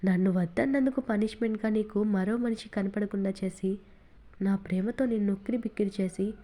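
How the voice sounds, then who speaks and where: Bossy, teasing young man in a storybook romance, read by a woman narrator, mellow and warm. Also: mid-range voice, fairly even intonation, a little fast, close to an everyday voice. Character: commanding, teasing, protective young man, a boss.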